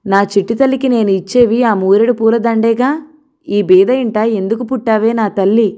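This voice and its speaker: Woman doing teasing old grandpa, boastful, warm mellow voice. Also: a little high, natural voice.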